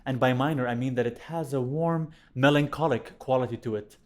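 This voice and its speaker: A young man born in Iraq, a violinist teaching a music lesson to camera in a clear, explanatory way, recorded on a studio microphone indoors. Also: medium pitch, a little fast, darkish tone. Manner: clear, explanatory, chants rhythm syllables in time. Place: indoor studio room with plant. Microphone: studio condenser mic on stand.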